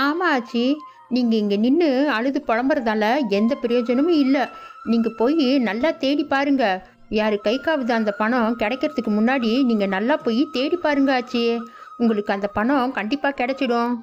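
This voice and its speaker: A woman voicing an eager, greedy young daughter-in-law who talks in a quick, urging, excitable way in a cartoon story. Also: on the high side, natural voice. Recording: dull lo-fi audio with background music.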